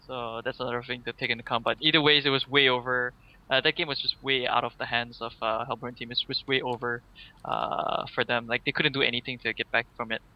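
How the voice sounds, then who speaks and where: A man's voice: medium pitch, flat delivery, quick pace, lo-fi sound. A man giving casual color commentary on a video game match, hesitant, with many fillers. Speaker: esports co-commentator.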